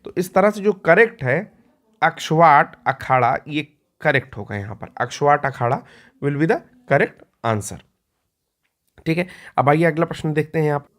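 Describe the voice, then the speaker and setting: A man's voice: fairly high pitch, expressive, a bit bright. Man teaching a Hindi exam-prep lesson. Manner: explanatory, repeats key words slowly, frequent "ठीक है"; clears throat often.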